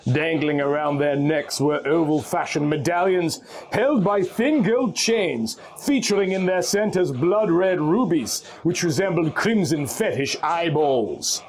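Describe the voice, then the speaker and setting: A man with a fairly high voice and lively intonation reads pulp fantasy aloud at an unhurried pace. As the story's narrator, he delivers it in a theatrical, scripted style, stretching out words at the ends of phrases.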